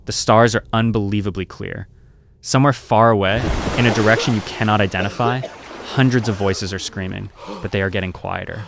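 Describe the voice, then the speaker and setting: Low, grave male storyteller. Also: fairly even intonation, vocal fry, background noise. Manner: measured, grave, deliberate. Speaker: narrator. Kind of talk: second-person scripted story narration.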